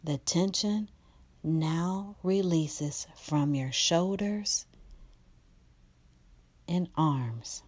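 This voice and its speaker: A woman guiding a relaxation meditation in a soft, slow, partly whispered delivery. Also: lowish voice, no echo. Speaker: meditation guide.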